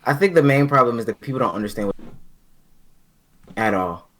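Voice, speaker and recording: A man talking casually on a video call, stumbling as he searches for his words, at a middling pitch. His voice drops out suddenly mid-sentence as the connection fails, then fades back in. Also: expressive, a little fast, fairly bright tone. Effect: voice drops out suddenly over a bad call connection. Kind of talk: casual chat.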